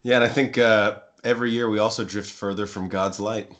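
A man's voice: lowish voice, steady tone, fairly quick, fairly bright tone, highs cut off. A man co-hosting a podcast in casual, joking banter. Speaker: podcast co-host.

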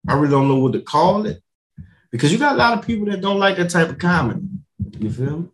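A comedian appearing as a podcast guest chats casually in street slang, with a high, sing-song voice and fast delivery in a roomy-sounding space. He keeps circling back over what he's said and often throws in "bro," "man" and "you know."

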